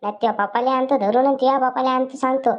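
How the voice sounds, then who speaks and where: A woman's voice: sits high, fairly even intonation, highs cut off, natural voice. A woman voicing a grumpy grown village man. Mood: irritated scolding. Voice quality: scolding, coarse, rapid grumbling.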